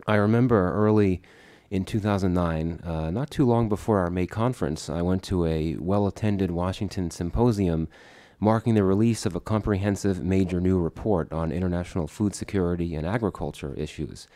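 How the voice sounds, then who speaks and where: Congested, low-voiced man giving a speech. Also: normal speed, hardly any pauses, mellow. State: congested with a head cold, voice sounding distorted. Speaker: book co-editor, speaker at launch. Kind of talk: prepared speech at a book launch. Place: conference room before an audience.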